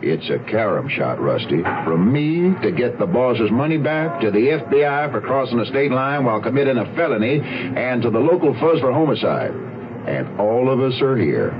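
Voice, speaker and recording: An actor playing a hard-boiled, dogged detective with the clipped, dry talk of a 1930s beat cop in an old-time radio crime drama. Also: male voice, mid-range voice, big pitch swings, normal speed, background noise. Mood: cool, accusing. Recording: dull lo-fi radio recording, loud music.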